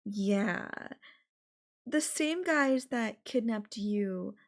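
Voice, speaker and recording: A woman plays an adult possessive yandere girlfriend, a sweetly menacing captor, in intimate audio roleplay directed at the listener. Her mid-range voice is expressive and slow, smug and possessive in mood, as she coaxes affectionately while slipping in veiled threats.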